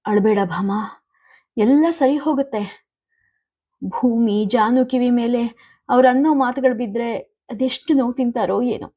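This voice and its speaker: A calm elderly husband, quietly troubled but reassuring, voiced by a woman reading the story. He speaks in a subdued, steady way. It is plain storybook narration. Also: on the high side, measured pace, long pauses, pitched above the performer's own voice.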